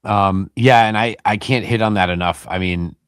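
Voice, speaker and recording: Male podcast co-host, deep voice, dry close-miked sound, rambling casual delivery. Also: fairly even intonation, moderate pace, clear, resonant tone, no echo. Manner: rambling, many fillers and restarts. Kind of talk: casual sports chat.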